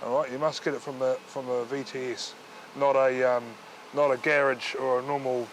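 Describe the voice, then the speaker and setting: A man's voice: mid-range voice, little pitch movement, moderate pace, rough recording. A man with a New Zealand accent, a police officer explaining and instructing in a firm, matter-of-fact way. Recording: outdoor location sound, vehicle noise.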